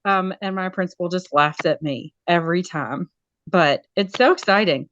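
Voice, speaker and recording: Lively low-voiced woman on dull audio. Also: moderate pace, no echo. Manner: animated, acts out quoted voices. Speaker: school media specialist guest. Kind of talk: casual interview talk.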